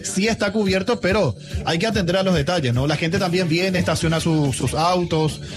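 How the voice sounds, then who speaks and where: A man comments on football live on the radio, taking his time to explain. His voice sits high for a man. A music bed plays clearly behind him. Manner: measured, explanatory, with fillers.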